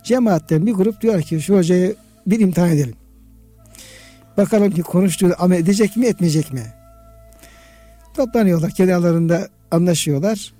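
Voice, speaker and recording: High-pitched man with a very dark, mellow voice. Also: brisk, pauses often, soft background music. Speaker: host of a religious discussion. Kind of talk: conversational religious discussion with anecdotes.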